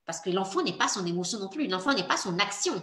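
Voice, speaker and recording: A woman's voice: mid-range voice, animated, fast, sharp tone, reverberant. A woman coaching mothers in a workshop, speaking earnestly and encouragingly, addressing the listener directly. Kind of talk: workshop talk.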